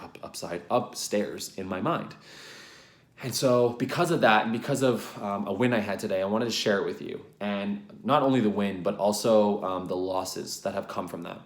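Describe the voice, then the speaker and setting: Earnest low-voiced man in an echoey room. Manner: rambling, self-correcting, frequent ums; earnest, gets worked up. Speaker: relationship coach. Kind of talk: casual vlog monologue.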